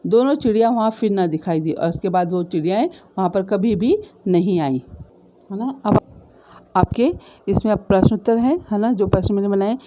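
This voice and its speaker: A woman teacher walks her class through a story, retelling each line in simpler words and checking in with little tag questions. Her voice is mellow and soft-edged, never sharp, and her pitch sits in an ordinary middle range. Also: normal speed. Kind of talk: explaining a story in a school lesson.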